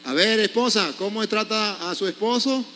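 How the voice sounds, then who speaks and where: A man's voice: high-pitched, normal speed, sharp tone, long reverb tail, slight background noise. A priest preaching a sermon, scolding his congregation with pointed rhetorical questions.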